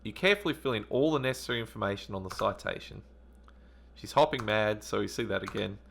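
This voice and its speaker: A man's voice: fairly low pitch, expressive, fast talker, creaky, fairly bright tone. A man hosting a retro gaming channel, reading game text aloud and thinking aloud with hesitant ums as he plays. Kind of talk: let's-play commentary reading game text.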